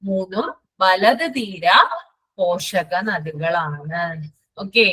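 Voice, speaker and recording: A woman teacher, running a live online class and repeating lists slowly so students can write them down. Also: lowish voice, fairly bright tone, husky, rough recording.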